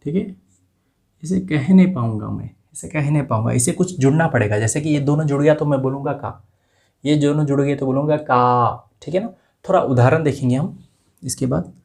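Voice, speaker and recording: A man teaching a script lesson, saying each letter slowly and carefully and repeating sounds one by one. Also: mid-range voice, vocal fry, darkish tone.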